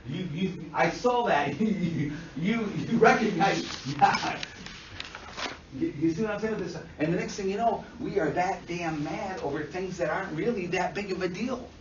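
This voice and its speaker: A man lecturing counselors in a classroom, animated, swearing freely and checking constantly that students follow. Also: sits high, background noise. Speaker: instructor teaching counselors. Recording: dull roomy sound from far off.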